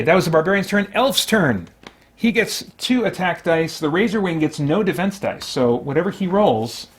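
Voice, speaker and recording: Speaking at a fairly high pitch, a man hosts a solo tabletop game, offering casual play-by-play and thinking aloud, with mild exclamations and chatty asides to himself.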